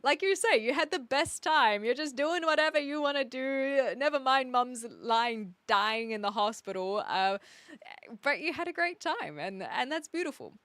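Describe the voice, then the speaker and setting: A woman's voice: high-pitched, lively intonation, moderate pace, a bit bright, no room sound. A woman with a mixed New Zealand and British accent, chatting casually and cheekily with viewers as a live streamer. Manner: chatty, cheeky, reacts to chat messages. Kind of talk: casual livestream chat with viewers.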